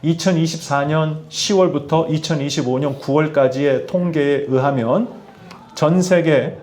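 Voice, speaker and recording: At a church in Tianjin, China, a middle-aged male pastor preaches a sermon, often putting questions to his congregation and speaking with lively emphasis. His voice is a little high and at a normal speed.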